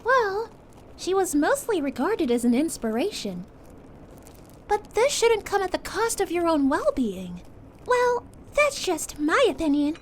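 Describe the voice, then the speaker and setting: A woman voicing a sweet, caring young princess in a calming roleplay, speaking to a friend in a gentle, reassuring, chatty way. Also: very high voice, measured pace, slight background noise, exaggerated voice. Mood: soothing, encouraging. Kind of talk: calming ASMR audio roleplay.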